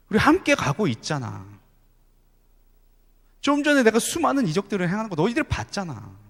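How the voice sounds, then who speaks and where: Jesus rebuking his fearful followers with pointed questions, in a lively voice that rises and falls, as a male preacher plays him. Long reverb trails each phrase, as in a big sanctuary. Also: sits high, vocal fry, husky, voice pushed up, exaggerated voice. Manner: reproachful rhetorical questions. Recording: long church hall reverb.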